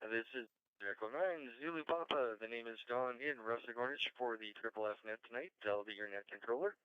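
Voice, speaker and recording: A man's voice: mid-range voice, fairly quick, clean tone, no echo. Folksy male radio net controller, slightly dull audio. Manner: informal, folksy, courteous. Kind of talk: amateur radio net hosting, call signs and check-ins.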